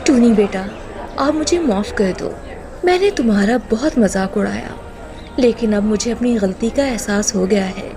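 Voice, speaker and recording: A woman's voice: mid-range voice, moderate pace, lightly acted. A woman voicing a strict, mocking female kite bird teacher in a cartoon story. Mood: apologetic. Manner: bossy.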